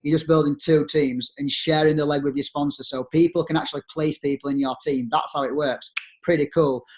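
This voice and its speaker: A young man with a thick Yorkshire accent gives network marketers a cheerful, persuasive pitch over screen share, peppered with rhetorical questions. His tone stays steady and he speaks a little fast.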